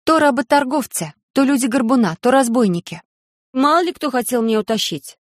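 Storybook: plucky young girl, raised pitch, brisk and sure, as the reader puts her on. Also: animated, no room sound, studio quality. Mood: urgent. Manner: high, quick and urgent. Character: brave street-smart young girl.

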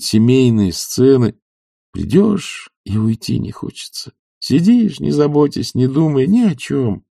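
A man voicing an idle, sighing gentleman who whines and dodges in a reluctant, drawn-out way. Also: mid-range voice, creaky, breathy edge, no room sound, clean studio sound, pitched above the performer's own voice, full character voice. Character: lazy, sighing gentleman, plaintive and evasive.

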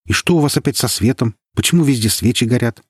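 An anxious, impatient lady, played by a man demands answers in a slightly raised, husky voice. The sound is close and dry. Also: medium pitch, fast talker, dry recording, pitched above the performer's own voice, lightly acted. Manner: demanding questions. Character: anxious middle-aged lady, puzzled and impatient.

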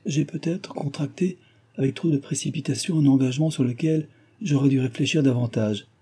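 An earnest, distressed young heiress from a classic novel, given voice by a male reader. She pleads her case in a raised, careful tone over a dark, husky vocal base. This is storybook narration from an audiobook. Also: mid-range voice, fairly quick, pitched above the performer's own voice.

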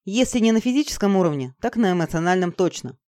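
Mid-pitched audiobook narrator, dry sound. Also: animated, quick pace, warm tone, no room sound.

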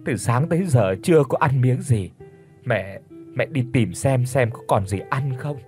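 A man voicing a frail, timid old mother in an audiobook, speaking softly and pleading. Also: mid-range voice, expressive, measured pace, soft background music, natural voice. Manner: soft, trembling, pleading.

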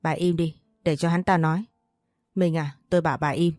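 A woman's voice: deep voice, steady tone, fairly quick, darkish tone, no room sound, clean studio sound, faint music behind, lightly acted. A woman reading a furious stern old master. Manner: harsh, commanding, interrogating. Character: enraged stern older male household master.

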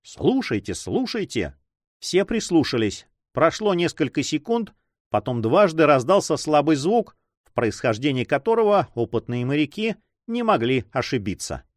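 A man narrating an adventure novel as an audiobook, expressive and animated. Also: fairly high pitch, normal speed, dry recording, clean studio sound. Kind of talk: audiobook reading.

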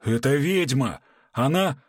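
A man voicing a frantic middle-aged male house manager who keeps denying everything in a shrill, indignant voice. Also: very animated, a little slow, dry recording, clean studio sound.

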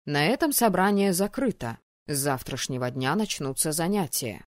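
A woman's voice: deep voice, lively intonation, moderate pace, no room sound, studio quality. A woman reading an audiobook who voices a stern, cold male dean of a magic academy, speaking in a clipped, commanding, formal way. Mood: curt. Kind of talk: audiobook character voice.

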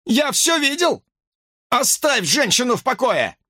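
A man voicing a burly male police officer who shouts in alarm, his voice pushed high. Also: wildly swooping pitch, a little slow, husky, no echo, clean studio sound, full character voice. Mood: alarmed shouting.

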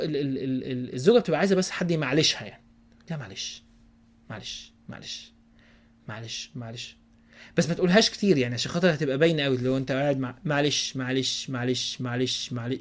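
A man with an Egyptian accent preaches in an easygoing, folksy way and keeps checking in with his listeners. His voice sits a little high, and his words tumble out fast, with many restarts. At times he sinks to a soft, hushed tone. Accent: Egyptian Arabic. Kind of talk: casual religious advice talk.

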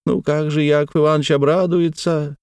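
A man's voice: fairly high pitch, flat delivery, fairly quick, a little mellow, clean tone, no room sound, studio quality, voice pushed up, close to an everyday voice. A man reading in a raised voice as an eager, devoted old male servant who repeats his words fussily.

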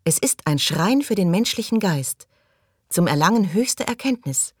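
A woman's voice: fairly low pitch, expressive, normal speed, husky, no echo, studio quality, pitched above the performer's own voice. A woman reading the lines of a fervent, pious woman who turns whiny in an audiobook.

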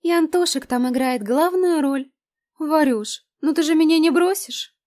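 A lovestruck, dreamy young woman, as a female audiobook reader puts her on, gushing about her idol in bright high tones. She swings from breathy, drawn-out swooning to eager pleading. Her voice sits well above the reader's own and carries extra force. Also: animated.

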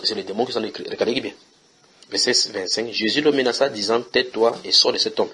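A man's voice: on the low side, bright, forceful tone, slightly rough. A man preaching at a house church, reading Bible verses and questioning his listeners in a conversational way.

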